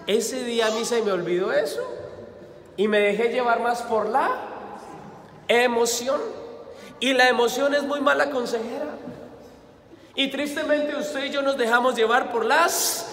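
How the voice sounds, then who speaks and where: An extremely high-pitched man with a Colombian accent preaches at mass. Animated throughout, he questions the congregation and then answers himself, weaving in stories of his own life; the church hall echoes, and faint noise sits in the background.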